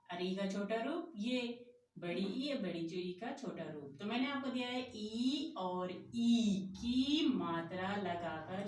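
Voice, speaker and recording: Lady teacher going slow for little kids, asks then answers herself, roomy echo, mic kinda far. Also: mid-range voice. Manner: slow, patient, asks and answers her own questions. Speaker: primary school teacher. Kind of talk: Hindi grammar lesson for young children.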